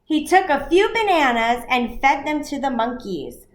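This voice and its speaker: A woman reading a children's storybook aloud in simple, deliberate phrases, as an educator addressing young listeners. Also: high-pitched, big pitch swings, roomy sound.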